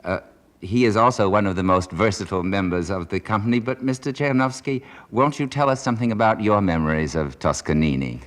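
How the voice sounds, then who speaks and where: A man hosting a radio interview, asking gracious, measured questions, on an old radio broadcast. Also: on the low side, fairly bright tone. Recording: 1960s radio broadcast transfer.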